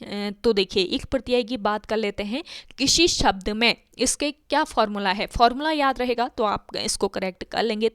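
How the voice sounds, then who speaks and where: A woman's voice: a little high, normal speed, a bit bright, clean tone, no room sound, clean studio sound. Woman teacher, step-by-step Hindi grammar drill. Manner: explains step by step, asks and answers her own questions. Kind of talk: exam-prep grammar lesson.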